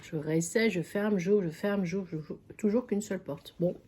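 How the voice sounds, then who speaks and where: A woman's voice: medium pitch, normal speed, warm tone, breathy edge. A woman psychic medium vlogging casually, telling a story with many fillers and repetitions. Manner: chatty, many fillers and repeated phrases. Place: at a friend's country house.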